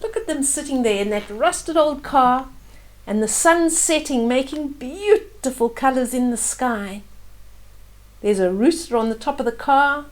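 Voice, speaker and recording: Reading a children's bedtime story aloud in poor audio, an older storyteller takes a very unhurried pace, her voice sitting a little high. She pauses to describe the pictures in a gentle, simple way for young listeners.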